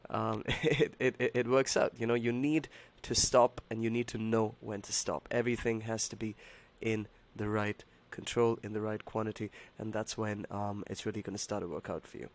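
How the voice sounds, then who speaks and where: A man hosting a trading livestream, talking casually and haltingly to his viewers in a hoarse voice that sounds unwell. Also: on the low side, flat delivery. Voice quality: hoarse, strained voice. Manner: halting, repeats himself, addresses viewers as buddy and man. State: unwell, voice not as usual. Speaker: live trading stream host.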